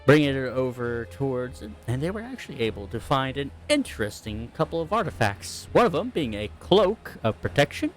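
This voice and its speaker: A man's voice: medium pitch, very animated, normal speed, hardly any pauses, faint music behind. A man running a tabletop game, recapping the last session in a rambling, self-correcting way. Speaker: game master.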